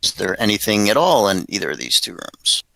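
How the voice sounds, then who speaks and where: Man, player at the table, deep and bright, casual questions. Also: sing-song, brisk, creaky, dry recording, poor audio. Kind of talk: casual tabletop game chat.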